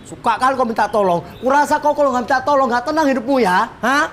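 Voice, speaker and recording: A woman with a Medan accent playing a sharp-tongued, bossy middle-aged woman who scolds and complains bluntly. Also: high-pitched, fast, slight background noise. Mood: scolding. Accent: Medan Indonesian. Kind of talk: comedy web drama acting.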